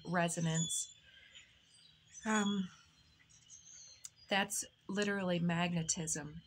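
Slow, flat-voiced spiritual woman. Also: lowish voice, a little hiss or hum. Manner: slow, meandering, searching for words. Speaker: spiritual reader and channeler. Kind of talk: meditative spiritual talk.

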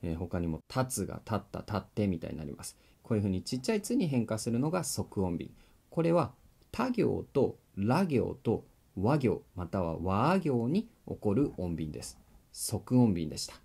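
A man's voice: on the low side, very animated, a little fast, dark tone, breathy edge. A man teaching a grammar video lesson, explaining step by step in a friendly way and checking in with the viewer as he writes on a board. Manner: writes on a board while talking.

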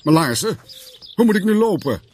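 A man doing a shrill, panicky village constable. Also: sing-song, normal speed, a little mellow. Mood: fretful. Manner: panicky high-pitched cries for help. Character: anxious male village police constable.

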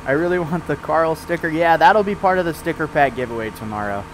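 A man's voice: a little high, fairly quick, a little hiss or hum, rough recording. Stuffed-up man chatting on a game stream. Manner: rambling, with frequent fillers and restarts. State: stuffed up, morning voice. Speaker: streamer playing a farming game with friends. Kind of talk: casual live-stream chat.

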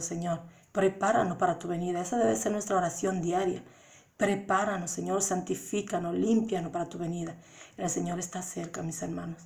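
A woman's voice: fairly low pitch, darkish tone. A woman preaching a sermon with a Dominican Spanish accent, earnest and exhorting, repeating phrases for emphasis.

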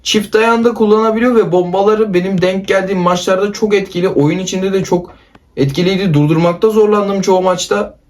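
Excitable man shouting gameplay commentary. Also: sits high, a little fast. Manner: excitable, shouts player names. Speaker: gaming YouTuber. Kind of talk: casual gameplay commentary with a friend.

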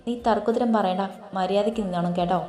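A woman voicing a firm middle-aged mother who scolds her daughter, in a lowered voice. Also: fairly even intonation, fast, dark tone, close to an everyday voice. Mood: stern. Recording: roomy echo, faint background music.

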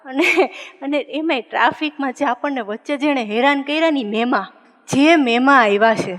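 High-voiced woman comic on stage. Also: moderate pace. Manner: animated, laughing, acting out other people's lines. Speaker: comedian. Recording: long hall reverb.

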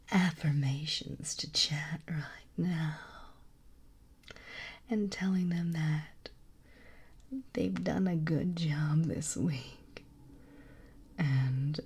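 Soft slow whispery lady streamer, mellow tone, sweet with her chat. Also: low voice, slightly rough. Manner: gentle, affectionate, reads chat aloud. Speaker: ASMR streamer.

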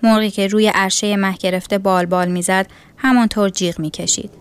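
A woman's voice: medium pitch, fairly even intonation, smooth. Woman reading a story aloud. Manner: measured, literary reading. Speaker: narrator.

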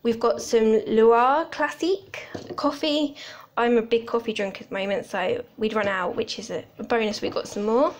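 Filming on her phone in her kitchen at home, a British vlogger in her twenties runs through her grocery haul, naming items and tossing in little comments. Her pitch is fairly high, her pace moderate, and a little hiss or hum can be heard.

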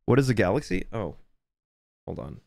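A man's voice: lowish voice, sing-song, normal speed, creaky, darkish tone. A young man livestreaming a video game, chatting casually and thanking viewers for gifts as he plays. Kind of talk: casual livestream gaming commentary.

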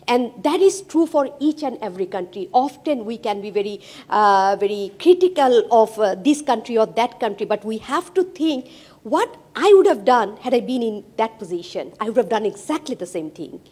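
Speaking at a moderate pace, this middle-aged professor joins a roundtable discussion in a conference hall, holding a handheld mic. Her slightly high, slightly mellow voice has lively intonation, and her emphatic delivery is packed with fillers.

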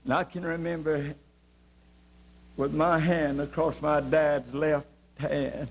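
A male evangelist giving an impassioned testimony sermon. He swings between quiet moments and shouting and draws out his phrases for emphasis. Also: fairly high pitch, level tone, slow, low-quality recording.

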